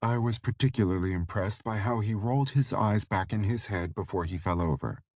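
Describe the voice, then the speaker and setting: A man's voice: on the low side, fairly even intonation, normal speed, mellow, breathy edge, no room sound, pitched above the performer's own voice. A man voicing a weary, dry-witted young female shapeshifter in an audiobook, speaking tiredly and drily.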